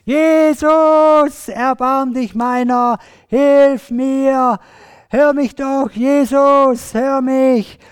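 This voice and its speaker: A storyteller voicing a blind beggar man who shouts desperately for help in a children's Bible story. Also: sits high, steady tone, very slow, voice pushed up. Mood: pleading shout. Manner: shouting at full strength.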